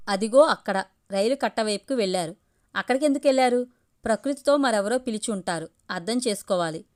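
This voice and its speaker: A woman's voice: medium pitch, expressive, close to an everyday voice. A woman reading the lines of a polite, watchful young man who takes charge, in a storybook reading. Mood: courteous. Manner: courteous, brisk and in control.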